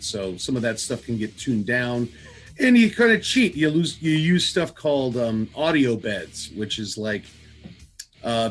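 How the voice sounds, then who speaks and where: A middle-aged man hosting a casual podcast, talking in a wry, playful and rambling way. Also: medium pitch. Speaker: podcast host.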